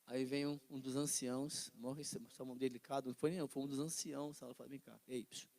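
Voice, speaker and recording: A middle-aged man with a Brazilian Portuguese accent teaching an informal Bible class, telling the stories with lively acted-out voices and often checking in with his listeners. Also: medium pitch, quick pace. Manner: animated storytelling, acts out quoted voices, asks listeners "né?".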